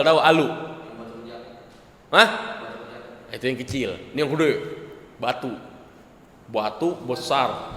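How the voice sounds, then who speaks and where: A man, preaching a lively storytelling sermon in a mosque hall and acting out the people in his story. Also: mid-range voice. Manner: animated storyteller, acts out voices, jokes with audience. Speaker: religious teacher.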